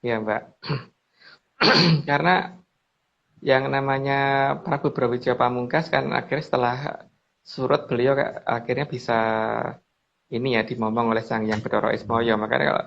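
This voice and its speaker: A man casually explains old legends over slides, rambling with restarts and often turning to a woman reading the slides, whom he addresses as Mbak. His gravelly, mid-range voice has fairly even intonation and a fairly bright tone, moving at a moderate pace with frequent pauses. The recording is dull and lo-fi.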